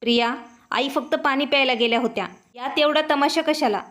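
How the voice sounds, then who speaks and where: A woman's voice: high-pitched, brisk, a bit bright. A woman voicing a short-tempered grown son who speaks curtly. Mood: irritated. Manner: curt, irritated.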